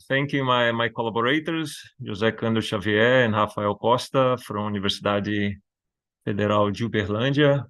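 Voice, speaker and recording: Low-voiced man lecturing, halting. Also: a bit bright, dry recording. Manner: halting, repeats words while lecturing. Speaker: invited seminar speaker. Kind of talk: academic lecture over video call. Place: Brazil. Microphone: video call microphone.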